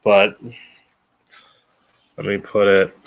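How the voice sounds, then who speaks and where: In a low-quality recording, an American man from Florida, who hosts a political commentary show in drag, talks in a fairly low, monotone voice with drawn-out words and vocal fry. His monologue to camera is political, opinionated, campy, sassy and blunt, with swearing.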